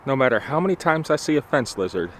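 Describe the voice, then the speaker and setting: A nature vlogger in his forties chats casually and eagerly to a handheld camera held at arm's length at a forest campsite, thinking aloud with lots of fillers. His mid-range voice moves through wide pitch swings, he talks fast, and there's a bit of background noise.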